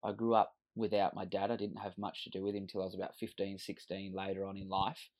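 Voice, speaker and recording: A man from Western Sydney, Australia, in his thirties and with an Australian accent, candidly tells his life story as a podcast guest, earnest and reflective throughout. His delivery is brisk and monotone, in a low-pitched, slightly mellow voice.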